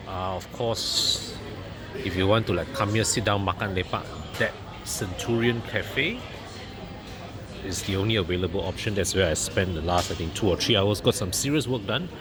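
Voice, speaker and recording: A man with a Malaysian accent chats casually and colloquially as a travel vlogger, using local slang particles like lah. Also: deep voice. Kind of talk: casual chat to camera. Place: airport departure lounge. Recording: busy airport crowd noise behind. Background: loud crowd chatter.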